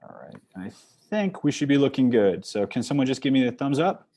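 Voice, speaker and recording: A man with a Long Island accent, from New York, giving a fast-paced online talk as a psychologist, with frequent fillers and restarts. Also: mid-range voice, sing-song, dark tone. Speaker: guest speaker, psychologist. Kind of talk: online presentation. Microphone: video call.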